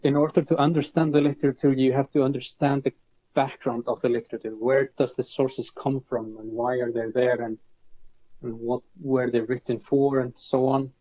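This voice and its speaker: Icelandic guy, young, monotone, lots of restarts, kinda muffled audio. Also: mid-range voice. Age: young adult. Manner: hesitant, repeats words while searching. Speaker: guest, folklore student. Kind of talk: casual interview conversation. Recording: dull lo-fi audio.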